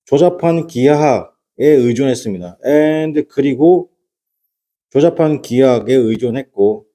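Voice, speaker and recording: A man's voice: medium pitch, expressive, measured pace, dark tone. A man lecturing a class on exam English, blunt and scolding, who keeps throwing rhetorical questions at his students. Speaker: English lecturer for transfer exams.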